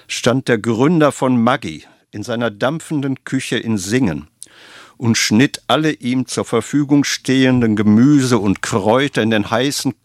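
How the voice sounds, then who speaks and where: A man narrating a scripted story in a measured, dramatic way. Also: medium pitch, dry recording, clean studio sound.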